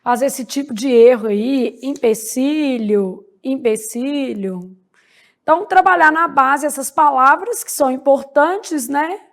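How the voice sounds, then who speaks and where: A woman teaching a grammar lesson, drawing out each example word slowly and checking in with "né?" and "beleza?". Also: high-pitched, expressive, creaky. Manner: slow, spells out words syllable by syllable, frequent "né?" and "beleza?". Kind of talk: grammar lecture.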